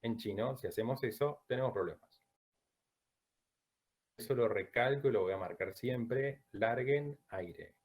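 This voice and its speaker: A man from Latin America teaching a Chinese pronunciation class, who drills sounds slowly and checks in with "¿bien?" after each point. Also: medium pitch, a little mellow. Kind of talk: online class lecture.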